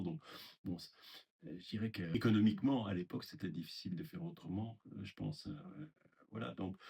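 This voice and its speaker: An older man talks in a very low, gravelly voice with a husky, rough edge. He recalls things slowly and hesitantly, stopping and restarting his sentences in a reflective interview. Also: darkish tone. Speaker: former resident interviewee. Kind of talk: recorded testimony interview.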